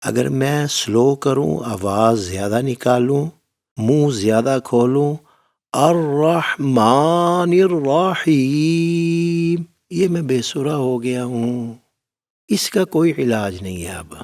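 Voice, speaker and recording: A man's voice: mid-range voice, lively intonation, vocal fry, darkish tone, recorded from a distance. A man teaching Quran recitation in a spoken lesson, talking to his students in a fatherly way and giving firm step-by-step instructions. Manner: fatherly, addresses listeners as "my son".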